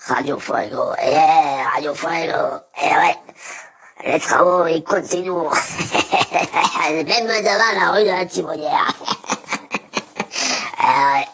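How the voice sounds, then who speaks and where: A woman impersonating a laid-back, vain man who hosts radio, speaking in a lazy, low voice. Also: slow pace, vocal fry, pauses often, a bit bright, husky, exaggerated voice.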